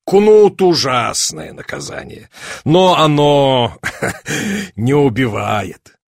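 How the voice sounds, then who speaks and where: A man reading an audiobook, voicing a sly police chief who feigns sympathy and teases with drawn-out pauses. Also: medium pitch, sing-song, gravelly, no echo, studio quality, exaggerated voice. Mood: mock-sympathetic. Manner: measured, drawn-out teasing pauses.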